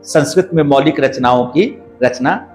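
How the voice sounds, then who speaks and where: A man speaking as a podcast guest, explaining in a measured, lecturing way and building his points in lists. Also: mid-range voice, darkish tone. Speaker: guest scholar. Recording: roomy echo, faint background music.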